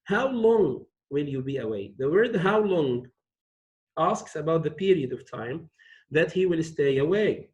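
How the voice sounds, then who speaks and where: A male English teacher slowly explaining a textbook lesson, repeating key phrases for his students. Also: a little high, animated, a little mellow, rough recording. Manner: slow, repeats phrases for learners.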